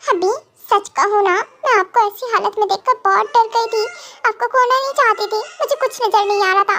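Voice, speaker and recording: High voiced reader as a scared clingy pregnant girl, whiny and pleading, fan dub. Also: pushed and bright, heavily acted. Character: timid pregnant young woman, clingy and scared.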